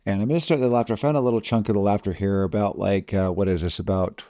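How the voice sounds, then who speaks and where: Male editing instructor, relaxed and fairly low, casual screen-tutorial narration, close dry mic. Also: fast talker, no echo.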